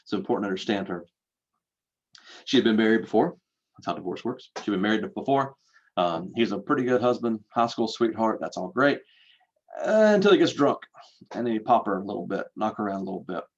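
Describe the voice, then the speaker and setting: A man's voice: fairly low pitch, expressive, fairly quick, highs cut off. Man lecturing like a storyteller. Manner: conversational, with rhetorical questions and dramatic repetition. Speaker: college instructor.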